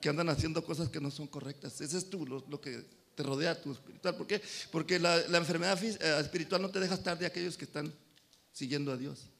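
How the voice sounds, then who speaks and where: A pastor preaching a sermon, swinging between loud and soft and calling out amen to the congregation. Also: male voice, a little high, fast, creaky. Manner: addresses congregation as brothers, calls amen.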